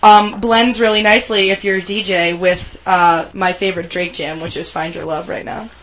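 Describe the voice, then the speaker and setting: A woman's voice: on the low side, steady tone, moderate pace, fairly bright tone, poor audio. A woman co-hosting a podcast, giggly and bubbly in casual chat. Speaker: podcast co-host.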